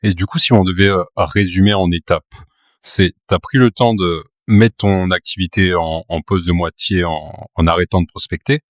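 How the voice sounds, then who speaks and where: A man hosting a casual interview, calmly summing up the guest's points and asking a follow-up question. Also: low voice, moderate pace, no room sound, studio quality. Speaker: podcast host.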